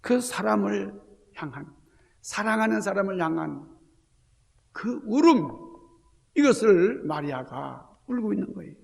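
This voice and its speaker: Gravelly pastor preaching in a reverberant sanctuary. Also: male voice, sits high, expressive, measured pace, long pauses. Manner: emphatic preaching with rhetorical questions to the congregation; swings between loud exclamations and hushed near-whispers. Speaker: senior pastor. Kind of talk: Easter sermon. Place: church sanctuary.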